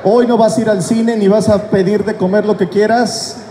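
A man's voice: sits high, steady tone, moderate pace. A man joking with a fan crowd on stage, laughing at his own jokes, through a handheld mic. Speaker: voice actor guest at a fan convention. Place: large indoor convention hall with a crowd. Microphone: handheld mic, filmed from the audience. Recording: echoey hall with loud crowd noise.

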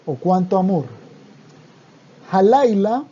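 A man talks through a language lesson at a patient, steady pace, explaining one by one and going back over each term. His voice is very dark and a little husky. The recording sounds dull and lo-fi. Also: sits high, slow pace. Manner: patient, explains word by word, repeats terms. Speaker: Hebrew teacher.

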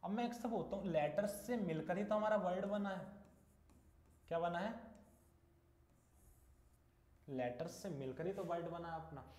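A man's voice: high-pitched, a little slow, pauses often, a little mellow. Echoey male teacher quizzing a class. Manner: asks students questions and repeats the answers. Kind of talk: classroom English lesson in Hindi. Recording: echoey room.

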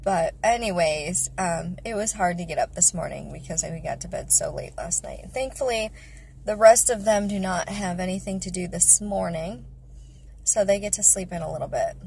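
With a dark tone and vocal fry, a woman in her thirties speaks at normal speed in a voice on the low side, a little hiss or hum behind her. She is a vlogging mother of five, rambling casually with lots of fillers about faith and family into her phone camera at arm's length while parked in her car.

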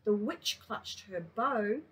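Female kindy teacher, slow, expressive storybook read-aloud. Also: mid-range voice, a little hiss or hum. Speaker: kindergarten teacher. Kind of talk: reading a picture book to children.

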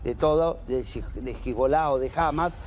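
A man's voice: mid-range voice, normal speed, a little mellow, a little hiss or hum. A man with an Argentine accent arguing his view emphatically on a live TV news panel. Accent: Argentine Spanish. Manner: emphatic, argumentative. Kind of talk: live studio panel discussion. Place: TV news studio.

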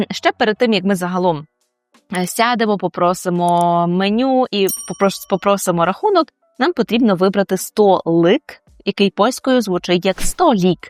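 A woman with a Ukrainian accent teaching Polish phrases, slowly repeating each model phrase. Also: mid-range voice, no echo, faint music behind. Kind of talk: explaining Polish phrases with examples.

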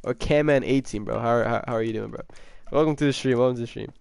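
A young man chatting casually with viewers during a gaming livestream, excitable, repeating himself and full of slang, his voice a bit sick. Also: mid-range voice, quick pace, gravelly, clear, resonant tone. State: slightly sick voice.

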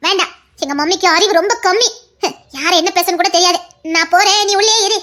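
A woman dubbing a squeaky, defiant young woman. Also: a little fast, pushed and bright. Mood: protective. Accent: Tirunelveli Tamil. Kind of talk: comic dub of a TV serial.

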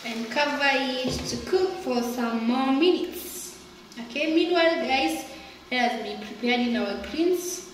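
A woman's voice: high voice, expressive, measured pace, slight background noise. A woman vlogger giving casual, chatty commentary while cooking in her home kitchen, often laughing and calling viewers "guys". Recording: echoey kitchen with frying sizzle.

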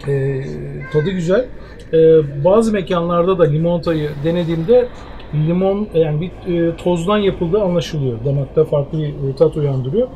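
A man in his sixties hosts a cafe tasting, talking in a measured, appreciative way, pausing often with little fillers. His voice sits notably high for a man. A faint outdoor cafe hum runs behind him. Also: warm tone. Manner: measured, appreciative, with frequent hesitations. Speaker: food show host. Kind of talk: casual tasting interview.

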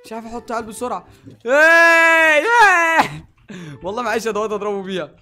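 Rapid-fire Egyptian gaming YouTuber. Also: male voice, sits high, fairly even intonation, a bit bright, soft background music. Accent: Egyptian Arabic. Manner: playful, teasing, laughs often. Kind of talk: excited gameplay commentary.

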